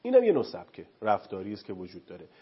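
A man speaks as a studio guest, lecturing on parenting with one example after another. His pitch swings widely and the voice has a husky edge. The sound is dull and lo-fi, like a television broadcast. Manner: animated, lecturing with lists and examples. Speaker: family counseling guest expert. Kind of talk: studio talk show explanation.

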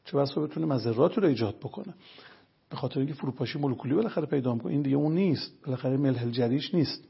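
Gravelly, raspy man explaining earnestly. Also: medium pitch, expressive, dull audio. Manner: earnest, lays out points one by one. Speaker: religious health lecturer guest. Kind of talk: explanatory storytelling talk.

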